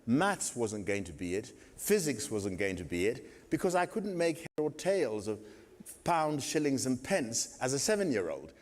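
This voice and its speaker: An older man from Kenya tells stories from his life to a festival audience, wry and digressive, full of vivid asides. His mid-pitched voice carries a long reverb from the theatre hall. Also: big pitch swings, moderate pace. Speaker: guest speaker at a theatre festival. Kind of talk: anecdotal storytelling talk.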